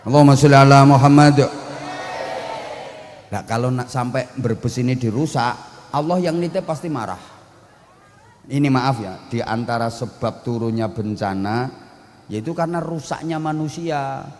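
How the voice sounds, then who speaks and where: A man's voice: medium pitch, moderate pace, a little mellow, in a large hall. A man preaching a humorous sermon, blunt and joking, mixing in local dialect.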